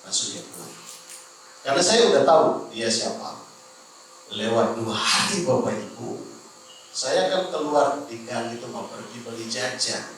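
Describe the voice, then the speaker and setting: A man preaching a sermon, telling a lively anecdote and speaking directly to the congregation. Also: medium pitch, normal speed, pauses often, background noise. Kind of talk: storytelling sermon. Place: church hall. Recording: echoey church hall, mic from far off.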